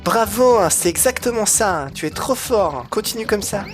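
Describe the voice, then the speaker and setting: A chatty young female creature from a video game, played by a man, with a strained, high put-on voice. She is perky and helpful, explaining things over music. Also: expressive, normal speed. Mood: cheerful. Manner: perky, instructive, tags sentences with a filler. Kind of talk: playful video game read-aloud dubbing.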